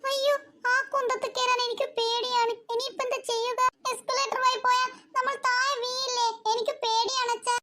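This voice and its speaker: A woman's voice: extremely high pitch, little pitch movement, fairly quick, bright, forceful tone. A woman voicing a timid little girl in a cartoon who whines and pleads. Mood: scared, whiny. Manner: whining, pleading. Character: timid whiny little girl, afraid of escalators. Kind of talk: cartoon voice acting.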